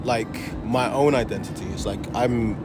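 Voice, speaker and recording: Loud music sits behind the medium-pitched voice of a young male comedian talking at a normal speed in a relaxed interview. French by origin and raised between Portugal and London, he has a mixed London accent and speaks loosely, laughing and filling pauses often.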